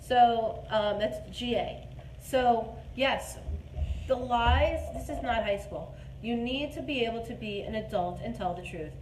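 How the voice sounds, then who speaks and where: In an echoey room with noticeable background noise, a forty-something woman hosts a dating advice show as a casual live chat. Her voice is fairly high and darkish, with a measured pace and an emphatic delivery.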